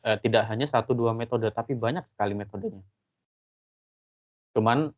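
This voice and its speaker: Man lecturing over a tinny line. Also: medium pitch. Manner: casual, explanatory, frequent fillers. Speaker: university lecturer. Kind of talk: online lecture.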